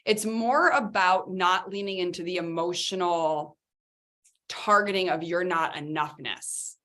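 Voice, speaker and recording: A woman's voice: fairly low pitch, measured pace. Chatty woman co-hosting a podcast. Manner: animated, chatty, lots of fillers. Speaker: podcast co-host. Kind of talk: casual chat.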